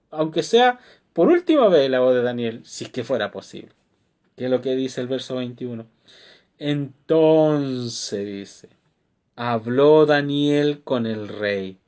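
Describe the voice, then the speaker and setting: Middle-aged male pastor, expressive sermon voice with lots of melodic lift, sits a bit high. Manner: expressive, asks rhetorical questions. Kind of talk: devotional sermon.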